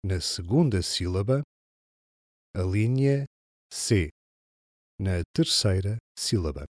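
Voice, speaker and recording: Brief: male exam narrator, European Portuguese accent, very slow and deliberate, lowish voice, dry. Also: expressive, darkish tone, no echo. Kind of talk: scripted narration of a listening test.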